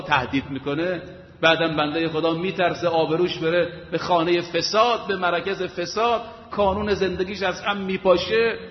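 A man giving an emphatic sermon, asking rhetorical questions and retelling stories with quoted voices. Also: high-pitched. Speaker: preacher. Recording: echoey hall, dull lo-fi sound.

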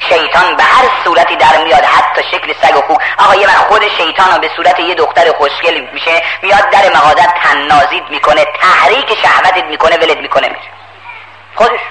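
A man's voice: on the high side, music in the background. A man preaching a sermon, telling a story dramatically and emphatically. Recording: echoey hall with crowd.

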